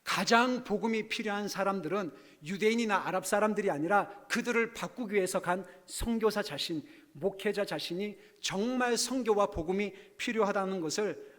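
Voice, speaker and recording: A man preaching a sermon as a missionary, in an animated way that swings between quiet asides and loud outbursts. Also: high voice, moderate pace, hardly any pauses. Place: church sanctuary. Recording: long hall reverb.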